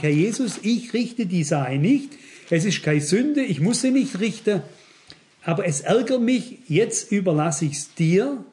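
A man preaching a sermon to his congregation, often asking if they understand and acting out quoted dialogue. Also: high-pitched. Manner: addresses congregation directly, asks "versteht ihr?"; acts out quoted dialogue in lively asides. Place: church before a congregation.

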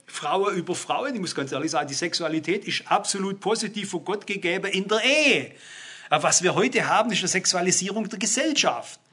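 A man's voice: sits high, bright, forceful tone, slightly rough. An older man preaching a sermon, talking straight to his listeners and rising to emphatic exclamations. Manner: emphatic, rising to exclamations, addresses the congregation directly.

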